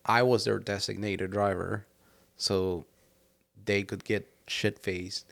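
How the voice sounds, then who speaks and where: Low gravelly philly guy, young, rambling stories on a podcast, lots of restarts. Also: level tone, takes it slowly, fairly bright tone. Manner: rambling storyteller, many restarts. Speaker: podcast host. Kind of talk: casual chat.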